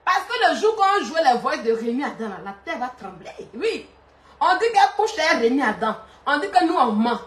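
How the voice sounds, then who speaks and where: Animated laughing woman live-streaming. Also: high voice, a little fast, roomy sound. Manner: animated, laughing, urging viewers to send stars. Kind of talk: live stream gossip and chat.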